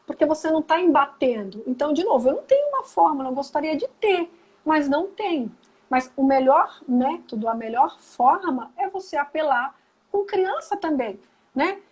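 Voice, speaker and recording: A woman's voice: high voice, normal speed, rough recording. A Brazilian woman psychologist talking casually on a live video call, acting out quoted lines as she explains. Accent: Brazilian Portuguese. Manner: animated, acts out quoted dialogue. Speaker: psychologist guest.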